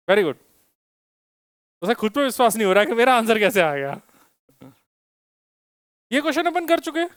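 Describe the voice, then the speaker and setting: High-voiced man teaching physics. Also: a bit bright, clear, resonant tone, no room sound, studio quality. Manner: asks students questions, teasing and joking. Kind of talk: classroom lecture with students. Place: classroom.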